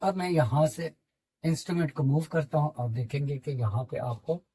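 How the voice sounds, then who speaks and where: A man's voice: fairly high pitch, moderate pace, dark tone, slightly rough, no echo, rough recording. A man with a Pakistani accent, a flight simulator instructor explaining the cockpit instruments, mixing English aviation terms into his talk.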